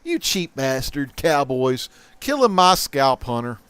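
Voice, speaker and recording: Chatty, excitable man with a smooth voice. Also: mid-range voice, measured pace, no echo. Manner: excitable, chatty, swinging loud to mumbled. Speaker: host. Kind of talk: casual comic haul vlog.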